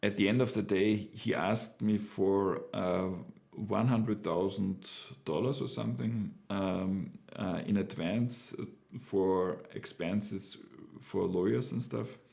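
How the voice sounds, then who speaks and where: Speaking slowly in a low, steady voice with vocal fry and a slightly mellow quality, a middle-aged man with a German accent recounts his own business experience. He's casual and unsure, restarting often and filling pauses.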